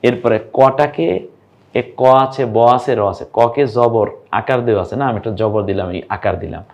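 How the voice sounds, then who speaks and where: A man's voice: mid-range voice, moderate pace, dull audio. A young man teaching an online lesson, patiently sounding out syllables and quizzing his viewers. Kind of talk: online lesson on reading Arabic vowel marks.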